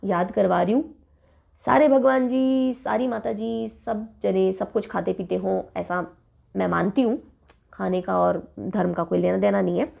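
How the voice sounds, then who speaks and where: A woman's voice: on the high side, vocal fry, a little mellow. A woman teacher who explains capitals with playful, silly memory stories and switches between two languages. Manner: playful, uses silly stories and acted lines; mixes English and Hindi. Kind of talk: mnemonic lesson on country capitals.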